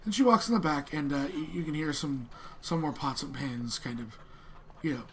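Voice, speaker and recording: A man narrating an improvised tabletop game as game master in a halting, conversational way. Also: a little high. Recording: clearly noisy room.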